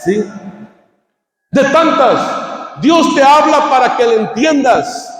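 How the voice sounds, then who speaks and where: A man preaching a fervent sermon as pastor, swinging between shouted climaxes and quiet asides. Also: very high voice. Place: church hall. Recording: echoey church hall.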